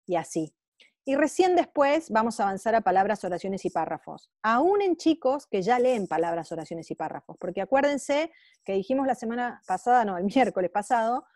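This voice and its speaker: Woman lecturer with a Rioplatense accent, patient and emphatic, relaxed mellow voice. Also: mid-range voice, no echo, studio quality. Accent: Rioplatense Spanish. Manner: explanatory, with emphatic stressed phrases. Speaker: psychopedagogue lecturer. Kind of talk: online lecture.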